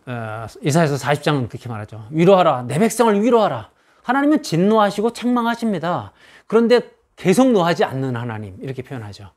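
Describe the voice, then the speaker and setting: Male pastor, sermon, lively swooping pitch, emphatic, repeats phrases for stress. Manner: emphatic, repeats key phrases in rising lists.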